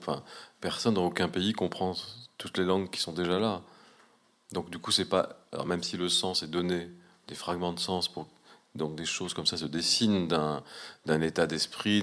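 A man's voice: low voice, a bit bright. A man in casual conversation, speaking reflectively with many hesitations and restarts.

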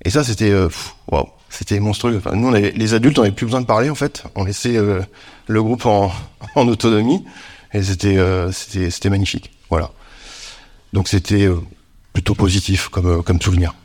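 A man's voice: lowish voice, steady tone, a little fast, darkish tone. A man, a youth worker, recalling a past experience in a casual, hesitant way with many fillers. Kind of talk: casual recollection.

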